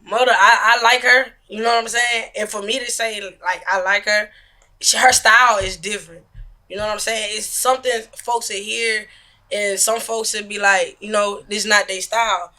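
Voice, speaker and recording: A man with an American accent speaks high and very brightly. His chat is casual and slangy, with frequent checks that he is understood. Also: steady tone, normal speed. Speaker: music artist on a podcast.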